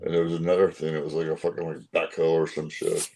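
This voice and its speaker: A man's voice: extremely low pitch, completely flat delivery, fast talker, gravelly, warm tone. A man talking casually as a collector among fellow hobbyists. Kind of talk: casual chat.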